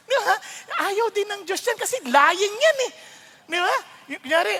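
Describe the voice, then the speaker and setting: A middle-aged male pastor preaching a sermon, animated and laughing often as he mixes English into his talk. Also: very high voice. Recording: long reverb of a large hall.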